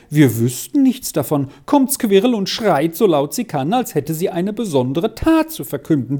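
A reader voicing an excitable, flustered young governess pouring out an explanation. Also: mid-range voice. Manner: breathless, agitated.

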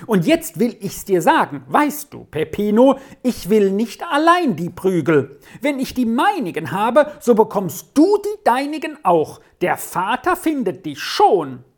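A woman's voice: sing-song, unhurried, few pauses, darkish tone. A woman voicing a frightened, furious young boy who screams and shrieks in a storybook reading. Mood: desperate. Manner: screaming, shrill.

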